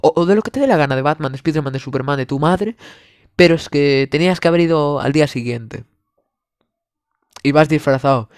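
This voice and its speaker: A young man from Spain with a Spanish accent runs through a sarcastic, over-the-top comedic monologue, swearing freely. His voice is somewhat high for a man, a little fast, with long pauses. The recording is dry and close, with no room sound.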